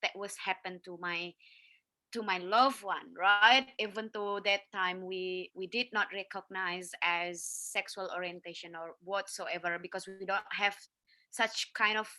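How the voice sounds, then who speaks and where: A woman on an online panel, talking slowly and haltingly with frequent fillers and restarts. Her voice is bright and the sound is dry and close, the way a video call picks it up. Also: medium pitch, fairly even intonation, no echo. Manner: hesitant, many fillers and restarts.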